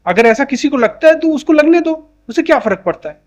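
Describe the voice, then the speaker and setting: A man's voice: very high-pitched, lively intonation, brisk, muffled recording. A man giving an opinion monologue to camera, insistent and full of rhetorical questions. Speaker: YouTube commentator.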